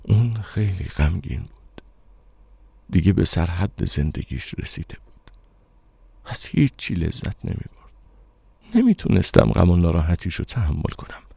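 A calm, deluded young lover who murmurs softly and shrugs off every charge, in a very deep voice, as a man reads his part. The sound is dry and close. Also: no echo, exaggerated voice. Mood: murmuring. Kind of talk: dramatic audiobook reading.

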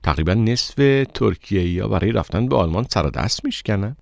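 A man voicing an eager, chatty young woman in an audiobook, raising his voice higher for her. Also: animated, gravelly, dry recording, clean studio sound. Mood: pressing, flustered. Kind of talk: audiobook character reading.

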